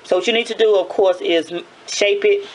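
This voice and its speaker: Over some faint background noise, a woman talks through a hands-on tutorial. Her voice is medium in pitch and raspy, as in the early morning. She is casual and chatty, repeating herself and correcting as she goes. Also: fairly even intonation, a little fast, low-quality recording. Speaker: nail tutorial host.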